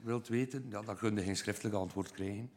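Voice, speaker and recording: A man's voice: lowish voice, fairly quick, darkish tone, a little hiss or hum. A man with a Flemish accent, answering as an alderman in a curt, matter-of-fact way.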